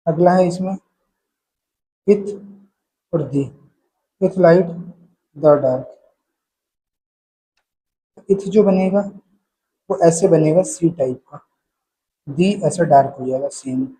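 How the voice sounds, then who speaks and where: A man teaching a shorthand lesson step by step, calling out paired sounds in a steady drill rhythm. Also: fairly high pitch, husky, rough recording.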